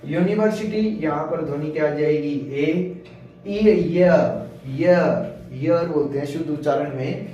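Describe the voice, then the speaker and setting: Man, teacher, step-by-step explainer, mellow voice, very echoey room. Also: a little high. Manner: explains step by step, repeating key words. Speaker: English teacher. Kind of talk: classroom-style grammar lesson. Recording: echoey room, distant mic, faint noise.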